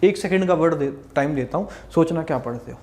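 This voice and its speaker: This Haryanvi-accented Indian man teaches English grammar for exams at a whiteboard, talking in a chatty way, addressing students as "bachche" and often repeating "theek hai". He speaks at a quick pace with a fairly high, darkish voice.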